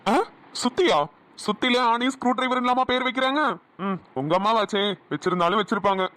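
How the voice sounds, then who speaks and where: Woman doing a fast-talking young husband. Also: fairly high pitch, a bit bright, slight background noise, lightly acted. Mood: teasing. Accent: Namakkal Tamil. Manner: teasing, quick retorts. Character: young husband, teasing and protective.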